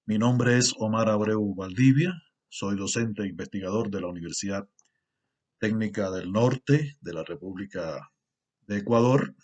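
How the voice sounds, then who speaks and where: A middle-aged university lecturer from Cuba, with a Cuban Spanish accent, delivers a formal conference talk. His fairly low, slightly mellow voice is measured and earnest, with pauses and fillers.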